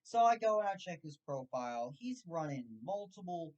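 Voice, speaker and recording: A man hosting his channel, telling a story about a scam call in a sarcastic, animated way. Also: a little high, normal speed, dull audio. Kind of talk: casual storytelling monologue.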